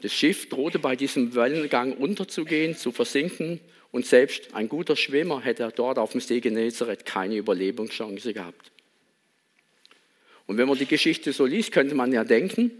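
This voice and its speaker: A man's voice: medium pitch, moderate pace. A man giving a sermon in a reflective manner, asking many rhetorical questions and reading a Bible passage. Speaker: pastor.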